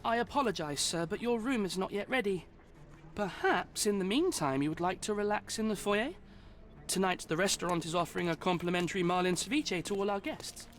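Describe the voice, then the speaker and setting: Video game bellhop: chirpy, old-fashioned, high voice, deferential and very proper. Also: male voice, a little fast, a bit bright. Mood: chirpy, courteous. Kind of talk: scripted game voice acting.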